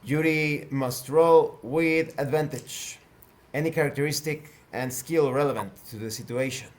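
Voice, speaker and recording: Slow, deliberate man game master. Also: a little high. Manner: measured, deliberate, halting narration. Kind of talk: narrating a tabletop game.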